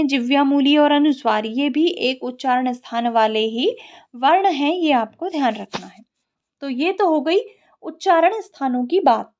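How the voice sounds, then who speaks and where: A woman leads an exam revision lecture on Sanskrit grammar. She recites each rule slowly and then explains it in plain words. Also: high voice, a little mellow, highs cut off.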